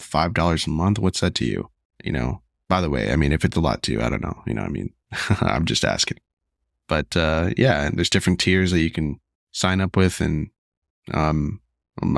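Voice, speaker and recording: A man's voice: deep voice, creaky, no room sound, studio quality. A man hosting a solo podcast, talking in an earnest, confessional way while losing his voice and feeling unwell. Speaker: podcast host.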